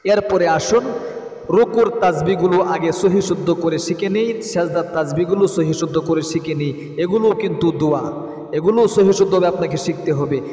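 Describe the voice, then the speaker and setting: A man's voice: sits high, warm tone, far from the mic. Man teaching prayer chants in an echoey hall. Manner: switches between quick spoken instructions and slow melodic chanting; direct, insistent, correcting pronunciation. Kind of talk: teaching prayer recitation, chanting Arabic phrases.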